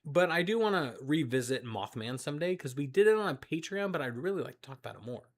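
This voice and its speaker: A man's voice: a little high, lively intonation, fast. A congested man co-hosting a casual late-night chat, joking and teasing himself. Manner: joking, self-mocking banter. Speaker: co-host.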